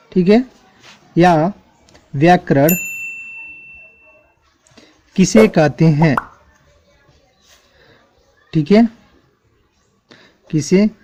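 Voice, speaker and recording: A man's voice: on the high side, mellow. A man teaching an English spelling lesson at a board, spelling words out letter by letter and checking in with the class often.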